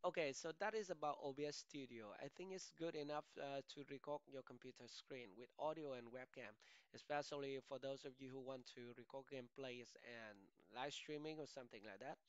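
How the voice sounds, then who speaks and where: A man talking through a screen-recording software tutorial from his home studio, in a halting way that often restarts phrases. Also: medium pitch, smooth, no echo, muffled recording.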